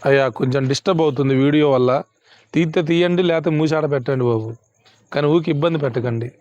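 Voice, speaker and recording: A man's voice: a little high, fast, a little mellow, dry recording. A male pastor preaching a sermon, emphatic and repeating his questions to the congregation. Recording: dull lo-fi, dry sound.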